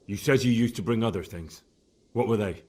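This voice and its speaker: An actor playing a calm young man who questions a prisoner in a game, speaking in a measured way. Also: lowish voice, close to an everyday voice. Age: young adult.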